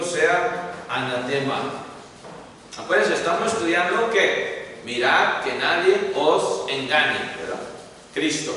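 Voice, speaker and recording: A man delivers a bilingual sermon, checking in with his congregation as he goes. His voice is bright and forceful, a little high for a man. The recording is heavily echoey, with a long church-hall reverb and the mic some distance away. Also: a little hiss or hum. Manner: switches into English glosses, animated, asks the flock "¿verdad?". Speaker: preacher. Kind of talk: bible study sermon.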